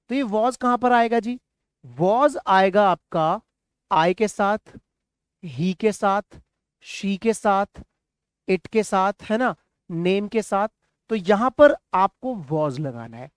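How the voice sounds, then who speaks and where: A man's voice: high-pitched, clean tone, no echo, studio quality. A man from India teaching a spoken English lesson. He patiently drills short words and has the class repeat them, with encouraging praise between drills.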